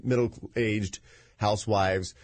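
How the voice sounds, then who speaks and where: A man's voice: on the low side, steady tone, slow pace, a little mellow. A man hosting a radio talk show, joking and blunt with callers and guests. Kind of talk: casual radio chat.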